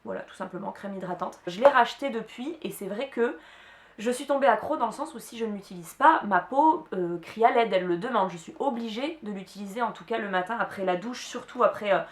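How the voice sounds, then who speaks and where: A young woman talks through her favorite beauty products in a relaxed vlog. She rambles, pauses and restarts often, her voice mid-pitched. The room is echoey. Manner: chatty, many hesitations and restarts. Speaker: beauty vlogger. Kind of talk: casual product chat to camera.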